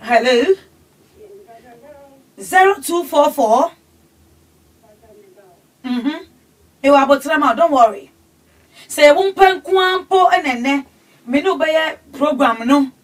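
High-voiced Ghanaian woman radio host. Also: takes it slowly, pauses often. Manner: animated, standing and gesturing. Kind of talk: call-in advice show. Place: small radio studio. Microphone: studio mic, camera across the room. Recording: distant camera audio in studio.

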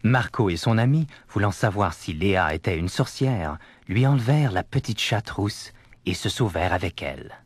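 A man announcing segments in a smooth, scripted promotional manner. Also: on the low side, animated, moderate pace, no room sound.

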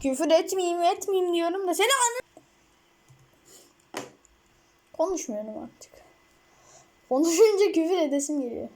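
A woman giving casual gameplay commentary, excitable and rambling, with frequent outbursts. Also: very high voice, normal speed, heavy background noise. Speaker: mobile gamer.

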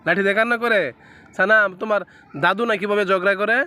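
A woman's voice: mid-range voice, steady tone, fast talker, heavy background noise. A woman playfully coaxing a small child, asking him question after question in casual talk. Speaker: parent filming her toddler.

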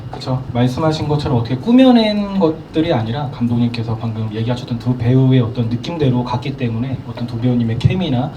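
A man moderating a screening Q&A, piling hedge on hedge. His voice is mellow and talks quickly. He is heard from a distance in a roomy space. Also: mid-range voice, a little hiss or hum. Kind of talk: hedging, roundabout questions. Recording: distant mic in a roomy theater.

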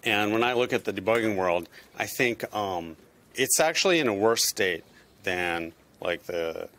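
Guy on a conference panel, kinda low but sharp voice, speaking off the cuff. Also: animated, measured pace. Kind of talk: informal, unprepared panel remarks. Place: lecture room panel.

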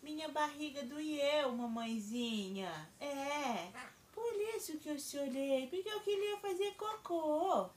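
A fussy newborn baby girl whimpers in a soft, high, whiny voice, as a mother puts her on at home. She sounds small and sorry for herself. A faint hiss sits under the sound. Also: animated, slow.

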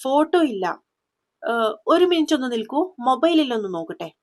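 A woman's voice: sits high, big pitch swings, normal speed, a little mellow. A woman voicing a fierce, commanding young woman police superintendent in a storybook tale, who speaks sternly and barks orders. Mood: firm.

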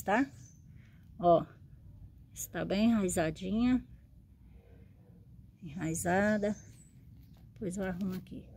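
A woman talks slowly and fondly as she shows off her plants, often checking in with her viewers. Her voice is mellow and unhurried, like a casual show-and-tell vlog. A faint hum of ambience sits behind her. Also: on the low side. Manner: chatty, fond, checks in with "tá?" and "né?". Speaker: succulent grower and seller.

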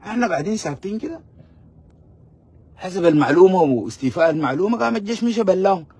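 A man's voice: high-pitched, expressive, very fast, a little mellow, husky. A man with a Sudanese Arabic accent giving a heated monologue of political commentary, full of rhetorical questions and repeated phrases. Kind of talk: impassioned monologue.

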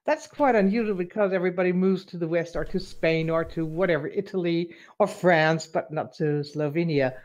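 A woman's voice: on the low side, moderate pace, few pauses, a little mellow. Chatty woman interviewer on a dull line. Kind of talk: casual interview chat.

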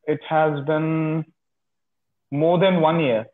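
Speaking slowly in a steady, fairly high voice, a young Pakistani English teacher practices conversation on a casual video call. The line sounds tinny and the phone is held close. His replies are short and hesitant, peppered with uh's.

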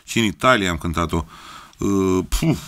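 A man's voice: low-pitched, a bit bright. A Romanian man in his fifties, a guest singer chatting casually in an earthy, colloquial way with slangy interjections. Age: 50s. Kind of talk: casual chat.

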